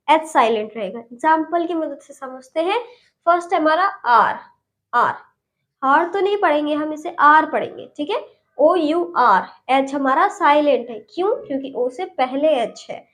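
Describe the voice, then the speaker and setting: A woman explains an English lesson in a high, light voice. She goes slowly and patiently, saying each word twice and wrapping up each point with a quick "okay". Her tone is that of a friendly tutor talking to learners. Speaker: English teacher.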